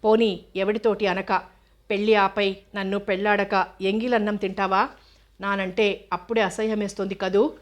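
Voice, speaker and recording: Young village girl, plain rural talk, even pitch, as the narrator puts her on. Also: normal speed, close to an everyday voice. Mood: bitter. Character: young village woman, lively turned grief-stricken.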